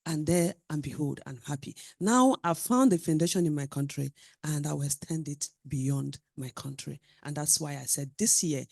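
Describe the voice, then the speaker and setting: A Nigerian woman presenting a real estate seminar to a live audience, animated and preacher-like, with call-and-response questions to the room. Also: deep voice, gravelly, no echo, clean studio sound. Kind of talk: business seminar talk.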